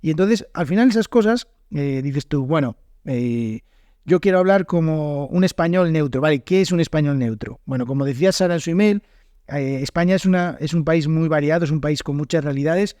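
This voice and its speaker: A Spanish teacher from the north of Spain talks through his podcast with a northern Spanish accent, his voice sitting a bit higher than most men's. He thinks aloud, pausing on fillers and correcting himself as he goes. The sound is close and dry, with no room around it. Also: a little mellow, no echo. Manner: unscripted, thoughtful, frequent fillers and self-corrections. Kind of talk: solo podcast monologue.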